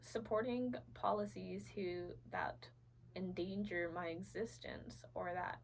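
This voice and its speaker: A woman's voice: lowish voice, slow pace, creaky, a little hiss or hum, poor audio. A young adult woman from Venezuela, a podcast guest, telling her personal story earnestly with many fillers and restarts.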